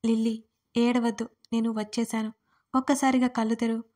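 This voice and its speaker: A woman's voice: on the high side, little pitch movement, brisk, a little mellow, lightly acted. A woman voicing a protective, stern young man, read plainly in her own voice. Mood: pleading.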